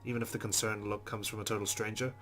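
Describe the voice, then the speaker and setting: Here a man with a fairly low, rather bright voice narrates on-screen text from a visual novel as a let's player, giving its first-person lines a dramatic reading. He speaks fast with little pitch movement, and background noise is noticeable.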